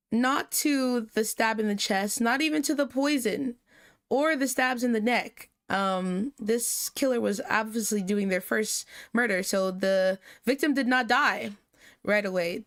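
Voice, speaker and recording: Slow-talking woman judging a mock trial. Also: a little high, fairly bright tone. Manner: slow, rambling, breaks into laughter. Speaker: stream host acting as judge. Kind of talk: mock trial role-play on a livestream.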